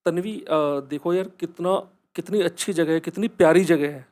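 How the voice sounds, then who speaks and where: A man's voice: a little high, moderate pace, a little mellow, close to an everyday voice. A man voicing a young man who laughs off his companion's fears in a joking, placating way. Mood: cheerful. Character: young man, teasing and dismissive.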